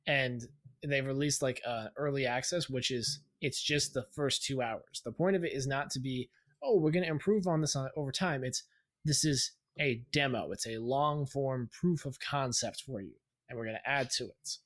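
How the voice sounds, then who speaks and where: A man's voice: medium pitch, normal speed, a bit bright. Man rambling through gaming chat. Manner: rambling, steers the talk with frequent "um"s. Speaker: podcast co-host.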